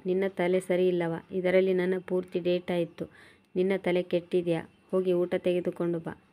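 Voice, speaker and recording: A woman voicing a husband in a storybook tale, a caring but short-tempered grown man, read in a flat manner. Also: lowish voice, normal speed, lightly acted. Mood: irritated. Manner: flat, read-aloud delivery. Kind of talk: storybook narration.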